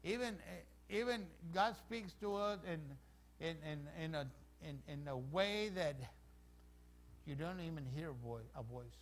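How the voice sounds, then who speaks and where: Man, pastor, high voice, bilingual sermon, animated. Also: slow, a little hiss or hum. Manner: animated, repeats each point in both languages, calls the congregation "hermano". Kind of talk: bilingual sermon, switching between English and Spanish. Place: church.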